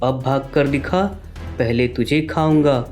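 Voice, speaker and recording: A woman's voice: very deep voice, steady tone, a little slow, a little mellow, soft background music, voice pushed down. A woman voicing a menacing male dog villain in a cartoon, gloating and threatening his prey. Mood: gloating menace.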